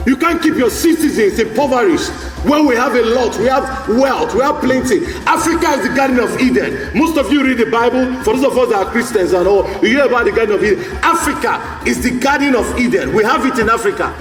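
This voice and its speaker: A man's voice: extremely high pitch, lively intonation, a little fast, a bit bright, faint music behind. A man giving a rousing speech to a live audience at a forum, repeating lines and calling out to the crowd. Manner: exhorting, repetitive, calls out to the crowd. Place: large hall at a live forum. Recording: echoey hall, voice from a distance.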